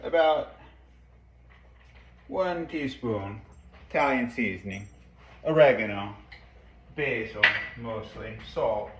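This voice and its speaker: A man cooking at home in his kitchen, talking through a recipe in a chatty, halting way with playful mock-Italian phrasing. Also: mid-range voice, lively intonation, reverberant, dull audio, slight background noise. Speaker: home cook. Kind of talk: casual cooking demonstration.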